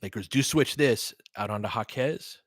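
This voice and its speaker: A man with a mid-range voice delivers casual fan play-by-play at a moderate pace on the basketball livestream he hosts, blending short, opinionated calls with chat to listeners. It is a dry, studio-quality recording.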